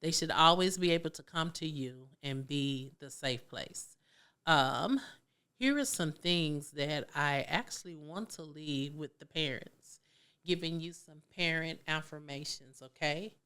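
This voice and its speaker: Low-voiced woman giving earnest parenting advice. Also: measured pace, a bit bright, smooth. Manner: preachy, emphatic, colloquial, acts out kids' voices. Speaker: parenting talk host.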